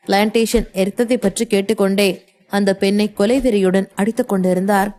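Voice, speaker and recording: A woman narrating a novel in a steady storytelling manner. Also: mid-range voice, fairly quick. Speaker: audiobook narrator. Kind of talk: scripted narration.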